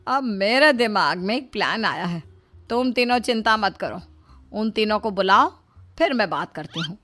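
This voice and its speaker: A woman's voice: mid-range voice, animated, normal speed, fairly bright tone, natural voice. A woman voicing a crafty, firm middle-aged mother-in-law in a cartoon story, coaxing and pleading by turns. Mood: scheming. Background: faint background music.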